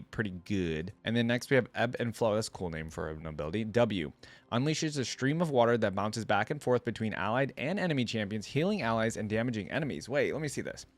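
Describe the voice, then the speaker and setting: A man with a mid-range voice hosts a reaction video, chatting casually as he thinks out loud and reads on-screen text. The recording is dry.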